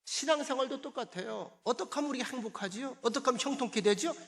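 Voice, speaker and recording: Male pastor giving an emphatic sermon, high voice, bright and forceful, calls for responses. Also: quick pace, creaky, slight background noise. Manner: acts out quoted voices in conversational asides.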